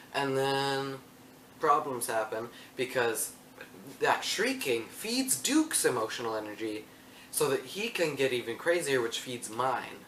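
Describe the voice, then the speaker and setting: A young man chatting in a casual solo vlog, playful and prone to wandering off topic. His voice is mid-pitched and sits a little back from the mic. The room adds a roomy echo and a faint hum of ambience. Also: a bit bright, recorded from a distance. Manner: rambling, self-interrupting, playful. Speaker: vlogger. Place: room at home.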